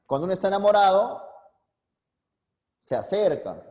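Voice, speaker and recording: A man's voice: high-pitched, big pitch swings, normal speed, darkish tone. A man teaching a philosophy class online, constantly quizzing his students and coaxing answers from them. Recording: long reverb, echoey room.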